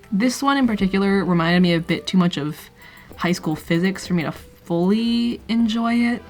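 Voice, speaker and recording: Young woman rambling to the camera about herself, wry and self-deprecating, soft music in the back. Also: mid-range voice. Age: young adult. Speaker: student vlogger. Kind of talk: casual talking-to-camera vlog. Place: small room by a thin wall.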